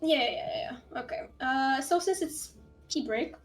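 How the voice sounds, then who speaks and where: High-voiced woman game master. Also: a little slow, faint music behind. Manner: giggly, casual. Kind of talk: running a tabletop game over voice chat.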